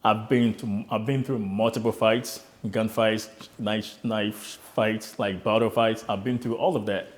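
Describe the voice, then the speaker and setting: A young Ghanaian man, an immigrant start-up founder, earnestly recounts his own immigrant story in an interview. His voice is on the low side, with a steady tone and a measured pace, and he pauses little. He often repeats words as he restarts, giving the talk a reflective, personal feel.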